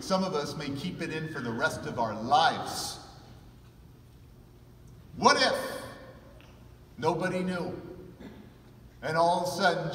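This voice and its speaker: A middle-aged man from California, a conference keynote speaker telling his own story with emotion, dropping to a hush and then rising to loud emphasis. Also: sits high, slight background noise. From California, USA. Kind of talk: personal storytelling talk. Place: large hall with an audience. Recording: echoey hall, mic at a distance.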